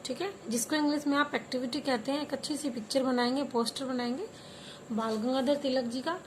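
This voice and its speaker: Teaching young children Hindi, this primary school teacher calmly explains word meanings and gets her pupils to echo words back. Her voice is high, and the low-quality recording carries slight background noise.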